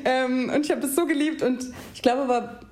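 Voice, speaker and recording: A young woman chats as a podcast guest, lively and enthusiastic, often laughing as she acts out little quotes. Her voice sits a touch high with a soft, mellow tone. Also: brisk. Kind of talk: casual interview chat.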